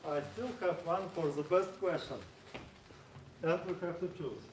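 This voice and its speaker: A man hosting an informal event, putting questions to the audience in short, simple, halting sentences. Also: fairly high pitch. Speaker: meetup host and speaker. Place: indoor meetup venue. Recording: very echoey room, distant mic, faint noise.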